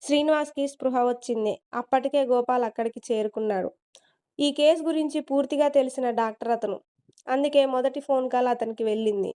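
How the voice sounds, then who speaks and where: A woman narrates a story in a steady, expressive way. Her voice is fairly high, smooth and very clear. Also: a little fast.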